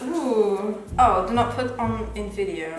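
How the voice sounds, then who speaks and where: A woman's voice: medium pitch, takes it slowly, reverberant, over loud music. A woman in her twenties making casual, playful banter as a guest on a vlog. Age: 20s. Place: home kitchen with hard surfaces. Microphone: on-camera mic from a few feet away.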